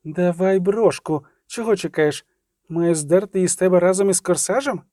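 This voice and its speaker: A man's voice: sits high, normal speed, mellow, no room sound, studio quality, voice pushed up, natural voice. A man voicing a proud young female swordswoman who speaks with cold arrogance. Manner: arrogant, cutting.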